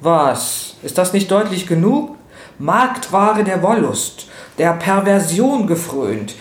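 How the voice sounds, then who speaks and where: A man's voice: mid-range voice, a little slow, fairly bright tone. Man doing a blustering showman. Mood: indignant. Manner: blustering, self-righteous. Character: boastful bankrupt showman facing trial. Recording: roomy with faint noise.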